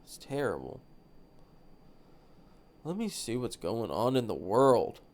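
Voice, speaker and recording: A man with a stuffy nose hosts a podcast alone, drifting from thought to thought in loose, casual talk. He swears freely and keeps an easygoing tone, his voice sitting at an ordinary pitch for a man. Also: sing-song, slow pace, a little mellow. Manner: rambling, profane, laid-back. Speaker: podcast host. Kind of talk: solo casual chat.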